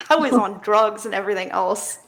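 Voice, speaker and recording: A woman's voice: mid-range voice, normal speed, a bit bright, poor audio. A young woman hosting a podcast, chatting casually and telling stories with easy laughter. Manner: chatty storyteller, laughs easily. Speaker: podcast host. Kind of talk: casual chat.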